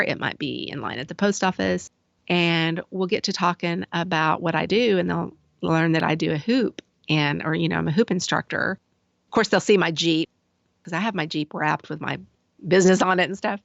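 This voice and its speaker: A woman's voice: fairly low pitch, vocal fry, no echo, highs cut off. A woman hoop instructor casually telling rambling stories, chatty and laughing at herself. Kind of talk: casual anecdotal storytelling.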